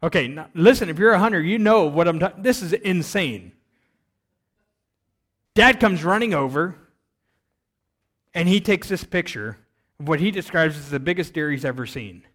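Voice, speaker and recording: A man preaching a sermon on missions, telling stories with energy that swings between loud emphasis and quiet. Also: a little high, animated, moderate pace, pauses often. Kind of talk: sermon with storytelling.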